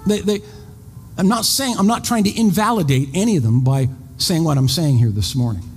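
A man's voice: a little high, expressive, fairly quick, darkish tone, slightly rough. A pastor in his fifties giving a sermon in a conversational way, often repeating words and making self-deprecating asides. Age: 50s. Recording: long reverb, faint background noise.

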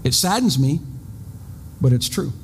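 A man in his fifties, a pastor, delivers a sermon in a conversational style, repeating words often and tossing in self-deprecating asides. His medium-pitched voice has a sing-song lilt and a measured pace. The recording carries long reverb and faint background noise.

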